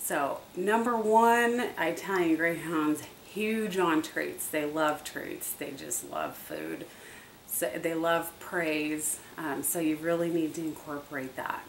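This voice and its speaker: Low-voiced woman chatting in an echoey room. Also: expressive, slow. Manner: chatty, repetitive, many fillers. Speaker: dog owner vlogger. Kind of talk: casual how-to talk. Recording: echoey, distant from the mic, faint hiss.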